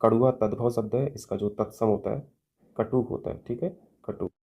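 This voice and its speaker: Low dark-voiced male Hindi teacher. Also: normal speed, breathy edge. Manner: explains step by step, often checking with "theek hai" and "hai na". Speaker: exam coaching teacher. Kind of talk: solving a mock test in a Hindi grammar lesson.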